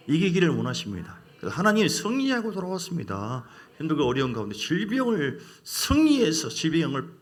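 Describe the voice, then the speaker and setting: A man's voice: fairly high pitch, a bit bright. A male pastor preaching a sermon emphatically, calling out questions for the congregation to answer. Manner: emphatic, call-and-response with congregation.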